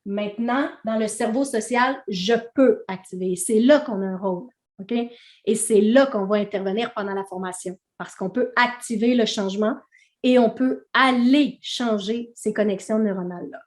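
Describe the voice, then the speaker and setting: A woman's voice: medium pitch, moderate pace, reverberant. A woman with a Québécois accent teaching a training session in a conversational way, often checking in with her audience.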